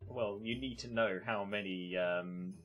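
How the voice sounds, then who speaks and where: A man's voice: on the low side, fairly even intonation, measured pace, lo-fi sound, faint music behind. A man casually reviewing games on a live stream, rambling and hesitant with lots of ums.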